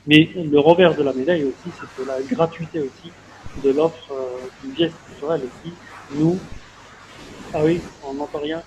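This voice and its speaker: A man moderating an online panel discussion over a video call, speaking in a halting conversational way full of fillers and repeated words. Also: a little high, fairly even intonation, warm tone. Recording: dull lo-fi video call audio with faint noise.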